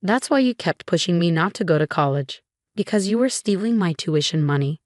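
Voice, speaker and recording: A woman's voice: fairly low pitch, lively intonation, a little fast, darkish tone, no echo, clean studio sound, close to an everyday voice. Angry accusing young man, voiced by a woman reader.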